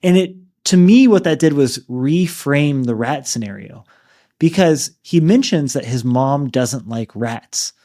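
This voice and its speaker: A man's voice: medium pitch, unhurried. Casual man discussing a story. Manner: relaxed, rambling, frequent fillers and laughs. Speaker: book podcast co-host.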